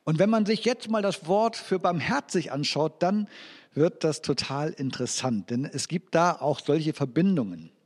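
A male pastor giving a sermon, explaining things step by step, reading scripture slowly, and restarting his phrases as he goes. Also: fairly high pitch, expressive, darkish tone, long reverb tail.

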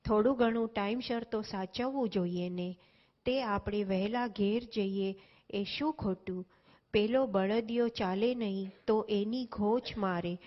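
Woman explaining spiritual teachings, lo-fi. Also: medium pitch. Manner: earnest, explanatory. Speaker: spiritual discussion speaker. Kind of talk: religious discourse explanation. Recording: dull lo-fi recording.

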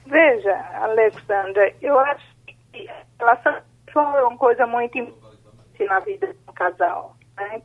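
Female psychologist guest, phoned in on a breaking-up cell line, measured explainer. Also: a little high. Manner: measured, explanatory, frequent tag questions. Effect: breaking-up mobile phone line. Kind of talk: radio phone-in interview answer. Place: outdoors in a country town, seeking signal. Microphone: mobile phone.

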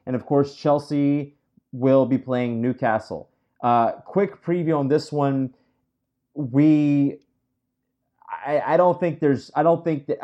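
A man's voice: medium pitch, dark tone, lo-fi sound. A man hosting a casual football podcast, talking bluntly and emphatically and swearing freely. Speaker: podcast host. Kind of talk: casual sports chat.

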